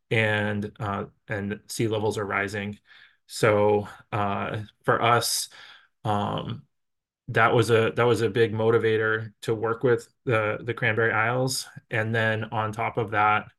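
A middle-aged man with a low, fairly monotone voice explains a community energy project. He speaks in a measured way, breaking up his sentences with "uh" and short pauses. He sounds like a college staff member being interviewed about his work. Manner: measured, many filler pauses.

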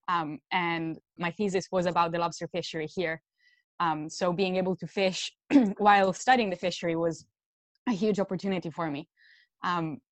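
A young woman from Italy who works as a sternman on a lobster boat, telling her story thoughtfully with many pauses. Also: lowish voice, no room sound. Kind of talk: panel discussion.

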